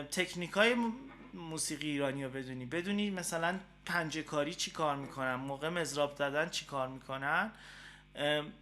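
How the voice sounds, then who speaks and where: A man from Iran hosts a relaxed, spoken guitar lesson. His voice sits high and sounds bright and forward. He rambles chattily, with plenty of filler sounds, and pauses to play short examples on the guitar. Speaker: guitar teacher and show host.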